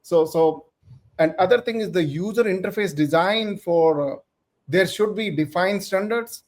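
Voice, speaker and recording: High-voiced male panelist, deliberate and explanatory. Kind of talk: panel discussion.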